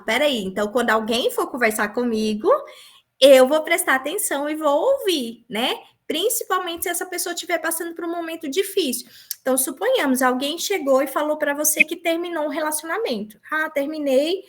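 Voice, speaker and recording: A woman with a high-pitched voice teaches a conversational class. She talks earnestly and personally, often tagging her sentences with a questioning "né?". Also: a bit bright. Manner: earnest, with frequent rhetorical "né?". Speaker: teacher leading an online class.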